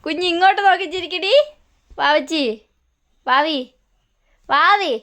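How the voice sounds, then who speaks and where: A woman's voice: extremely high pitch, unhurried, pushed and bright. A young mother filming a family vlog, coaxing her toddler in sing-song baby talk.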